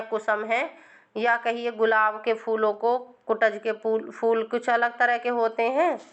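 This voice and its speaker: A woman teaching an online exam-prep Sanskrit lesson, explaining a text word by word and checking that her students follow. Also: fairly high pitch.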